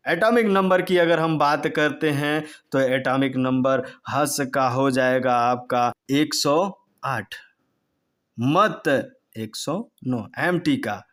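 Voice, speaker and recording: A man teaching a chemistry lesson, repeating memory tricks slowly in a sing-song way and jumping up in pitch on key words. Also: fairly bright tone. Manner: slow, repetitive, sing-song drilling of mnemonics.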